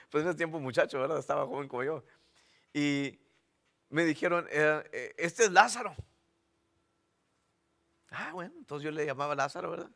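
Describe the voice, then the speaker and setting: High-voiced preacher. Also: male voice, fairly bright tone. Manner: conversational, many restarts and "¿ok?" checks. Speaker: pastor. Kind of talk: Spanish-language sermon.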